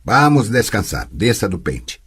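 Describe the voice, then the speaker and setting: A man voicing a gruff, mocking male swordsman who trains a girl, speaking bluntly in an audiobook. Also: fairly low pitch, very animated, unhurried, a bit bright, full character voice. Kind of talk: audiobook character voice.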